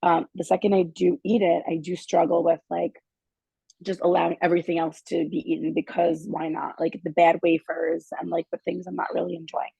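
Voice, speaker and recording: A woman with a hoarse, worn voice, sharing her story earnestly on a group video call with lots of fillers. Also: lowish voice, level tone, a little fast, warm tone, no room sound, poor audio. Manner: earnest, confessional, many fillers. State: hoarse, has lost her voice.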